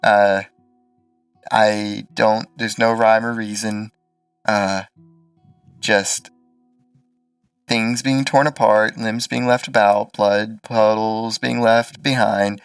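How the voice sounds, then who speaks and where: Male tabletop game master: hesitant, unhurried, fry-edged, close and dry. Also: lowish voice, little pitch movement, no room sound, recorded from a distance, faint music behind. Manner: hesitant, halting delivery. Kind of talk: improvised tabletop game narration.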